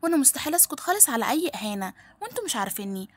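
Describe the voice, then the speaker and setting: A woman's voice: high-pitched, sing-song, racing, slightly rough, exaggerated voice. A woman with an Egyptian accent voicing a bold young maid from the countryside who talks back defiantly. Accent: Egyptian Arabic.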